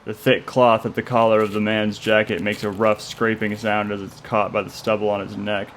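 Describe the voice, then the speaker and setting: A man reads a dark story aloud with a low voice that barely rises or falls. His delivery is steady and measured, calm even through tense scenes. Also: slight background noise. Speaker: narrator. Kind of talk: scripted story narration.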